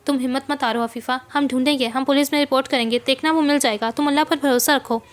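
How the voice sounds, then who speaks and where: A woman's voice: high voice, fairly even intonation, fast, close to an everyday voice. A woman voicing a kind female friend who comforts a grieving mother and promises help. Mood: comforting. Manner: comforting, concerned. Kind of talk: novel reading.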